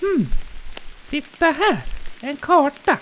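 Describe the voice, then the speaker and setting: A very high-pitched, squeaky little bear as a player puts on a voice chirps along in let's play commentary, its lively voice bouncing up and down. Childlike and easily delighted, it cheerfully tells of every climb and jump as "we". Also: slight background noise. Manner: chirpy, narrates own actions in "we".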